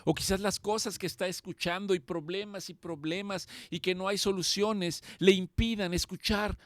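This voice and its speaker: A man's voice: high voice, steady tone, moderate pace, a bit bright, no room sound. A man preaching a sermon as pastor, impassioned and emphatic, repeating key phrases for weight.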